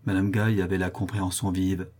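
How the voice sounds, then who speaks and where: Husky, mellow male audiobook narrator. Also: low-pitched. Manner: measured, even storytelling.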